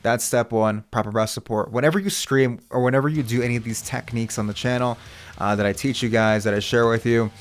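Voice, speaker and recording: A man's voice: mid-range voice, fairly even intonation, quick pace, faint music behind. A man working as a vocal coach, explaining technique step by step in a reassuring, instructional way. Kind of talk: instructional video talk.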